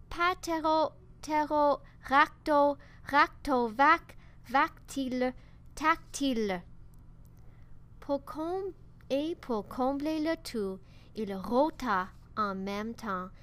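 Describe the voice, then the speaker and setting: A woman reading a children's picture book aloud in a slow, careful, expressive way. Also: fairly high pitch. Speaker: storybook reader.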